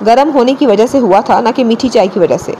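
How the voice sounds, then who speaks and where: A woman's voice: a little high, dark tone, slight background noise, lightly acted. A woman narrator voicing a curt, commanding young husband in an audiobook story. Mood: stern. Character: stern terse young husband.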